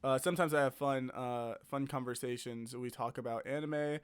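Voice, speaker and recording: A young man co-hosting a livestream, casual and laid-back, with lots of fillers and loud laughs. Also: medium pitch, fairly even intonation, normal speed, clear, resonant tone, no echo. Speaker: stream co-host. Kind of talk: casual chat.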